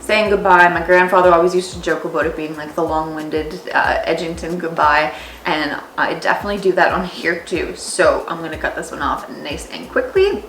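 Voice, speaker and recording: Low-voiced woman storyteller playing both parts, roomy. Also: moderate pace, fairly bright tone, a little hiss or hum. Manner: informal, sweary, playing both parts in re-enacted dialogues. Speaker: video host and tradeswoman. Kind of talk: casual storytelling to camera, re-enacting conversations. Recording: roomy echo, faint music.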